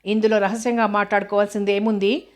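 A woman's voice: mid-range voice, little pitch movement, fast, natural voice. A woman narrator voicing a reserved young husband in an audiobook, with curt, clipped replies.

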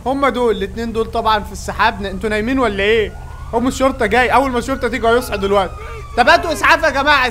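A man with an Egyptian accent giving excited gameplay commentary, yelling at the game's characters. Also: very high voice, background noise. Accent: Egyptian Arabic. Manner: excitable, yells at game characters. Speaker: gaming YouTuber.

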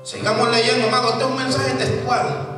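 A middle-aged man preaching a fiery sermon as pastor, shouting at peaks and dropping to quiet asides, repeating his phrases. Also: extremely high pitch, flat delivery, fairly quick, over music. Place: church sanctuary with stage. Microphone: handheld mic. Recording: echoey church hall from far off.

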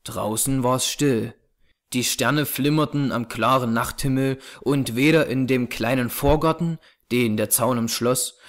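A man reading a classic novel aloud as narrator, with measured, suspenseful storytelling. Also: mid-range voice.

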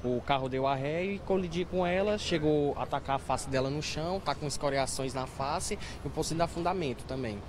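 Fast-talking man on a loud street. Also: a little high. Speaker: witness at the scene. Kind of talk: on-the-street interview answers. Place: city street outdoors. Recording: loud street traffic noise.

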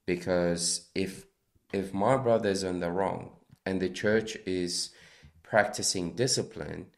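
Deep-voiced man, earnest and halting. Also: creaky. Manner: earnest, halting, with many restarts. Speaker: podcast co-host. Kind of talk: casual faith discussion. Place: small studio, seated at a table. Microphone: desk microphone on a stand.

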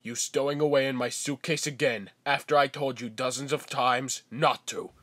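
A man's voice: medium pitch, fairly even intonation, moderate pace, bright, forceful tone, dry recording. A man playing a short-tempered cartoon everyman, sardonic and long-suffering. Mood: exasperated.

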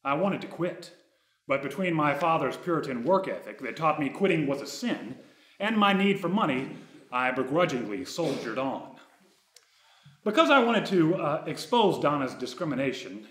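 A man in his thirties reads a personal story aloud on a dark stage, wry and ironic. His voice sits a bit high and swings up and down with energy. The theater gives it an echoey ring. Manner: wry, ironic, reading from pages, gesturing.

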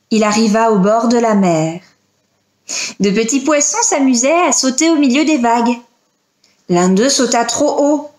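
A woman's voice: on the high side, reverberant. A woman reading a children's tale aloud, voicing the characters as she goes. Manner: slow, expressive storytelling with voiced characters. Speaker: librarian reading a story.

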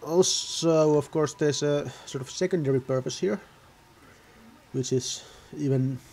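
A man's voice: a little high, a little slow, gravelly, a little mellow, breathy edge. A man giving casual, rambling gameplay commentary, often correcting himself mid-sentence. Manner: rambling, self-correcting, offhand. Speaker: gaming video host.

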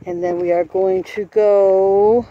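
Walking an outdoor horse course with her phone camera in hand, a woman designer explains each obstacle at an unhurried pace, now and then correcting herself. She speaks at a medium pitch in a flat delivery, the highs are cut off, and faint outdoor noise is audible, with her voice sometimes far from the mic.

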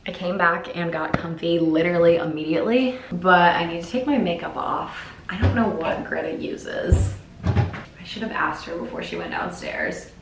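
Young woman vlogger, casual and chatty, phone-held mic, steady noise behind. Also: lowish voice, normal speed, creaky, echoey room. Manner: chatty, upbeat, thinks aloud. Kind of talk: casual vlog chat. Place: outdoor dock by a lake, then indoors. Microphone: phone camera at arm's length.

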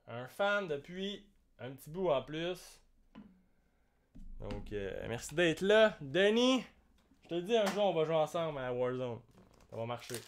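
A young man with a Québécois French accent, hosting a live card-break stream and joking with viewers in a slangy, excitable way. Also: a little high, unhurried, long pauses. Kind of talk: live card-opening commentary.

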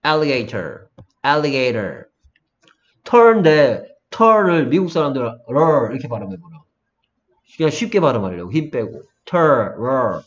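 A man's voice: a little high, lively intonation. Man drilling English sounds one-on-one. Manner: drills sounds slowly, then faster, asks the student to repeat. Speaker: English pronunciation tutor. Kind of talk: one-on-one phonics lesson. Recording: dull, lo-fi sound.

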